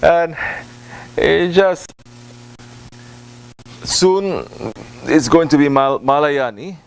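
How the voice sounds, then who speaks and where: This man's voice is a little high, smooth, with vocal fry, heard on a rough recording. Speaking as a Sufi teacher in an informal sermon answering a question, he is deliberate and halting, repeats for emphasis, and slips Arabic and Turkish devotional phrases into English.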